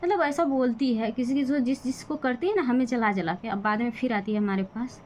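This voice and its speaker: A woman's voice: fairly high pitch, brisk, darkish tone, slight background noise, poor audio. A young woman talking in a casual vlog, venting with bitter, defiant frustration about her family. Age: young adult. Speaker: vlogger. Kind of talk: casual personal vlog talk.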